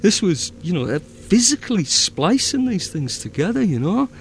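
A man's voice: sits high, very animated, moderate pace, slight background noise. A man with a Northern English accent chatting casually, rambling with lots of fillers and restarts. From north of England. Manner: rambling, many fillers and restarts, easy laughter. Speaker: fan audio drama producer. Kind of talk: casual chat.

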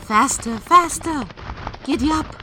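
A woman's voice: mid-range voice, lively intonation, slow, noisy background. A woman playing a bold, teasing young heroine with a dry, defiant manner in an audio drama. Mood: urgent.

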